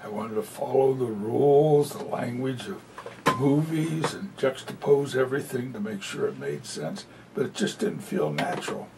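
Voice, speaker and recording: Voicing a presenter as a sign language interpreter, this man gives a live spoken interpretation of a talk at a moderate pace, his gravelly voice moving lively up and down. He's loose and conversational, packed with "you know" fillers. He's captured from a distance in a hall, a faint low rumble behind him.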